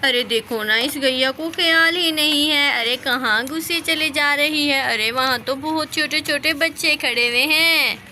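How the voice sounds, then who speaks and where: A woman narrating a children's doll story, lively and exclaiming, talking to the children. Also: sits high, measured pace, few pauses, a little hiss or hum.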